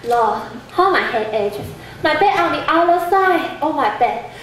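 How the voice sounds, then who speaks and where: A woman's voice: high-pitched, expressive, unhurried, fairly bright tone. A woman playing a fussy, teasing old nurse in an echoing hall. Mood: complaining. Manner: teasing, exaggerated complaining. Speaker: student actor. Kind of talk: stage play acting. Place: stage in a large hall. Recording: echoey hall recording with faint noise.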